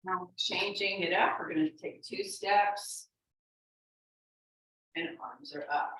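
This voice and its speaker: A woman's voice: fairly low pitch, slow, fairly bright tone. A woman leading an exercise class as an instructor, cueing and counting moves in an encouraging, unforced way. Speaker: fitness instructor. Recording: very echoey room, distant microphone.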